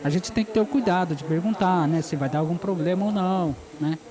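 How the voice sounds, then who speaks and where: A man's voice: high voice, fairly quick, poor audio. A man in his forties from São Paulo, a caricaturist being interviewed at an outdoor street fair, chatty and easygoing, often laughing as he tells stories. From São Paulo, Brazil. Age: 40s. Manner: easygoing, chatty, laughs while telling anecdotes. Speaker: guest caricaturist. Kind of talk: casual interview. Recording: busy outdoor crowd noise.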